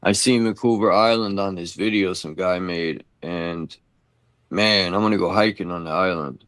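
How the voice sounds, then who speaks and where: Low-voiced man chatting loosely. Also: steady tone, moderate pace, fairly bright tone, no echo. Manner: rambling, fills with "you know". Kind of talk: casual chat.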